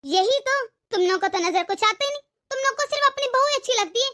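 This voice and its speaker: Woman doing a very high, bright, bossy cartoon mother-in-law who taunts and threatens. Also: animated, fast, exaggerated voice. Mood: scolding. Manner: shrill, taunting, melodramatic. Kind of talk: cartoon voice acting.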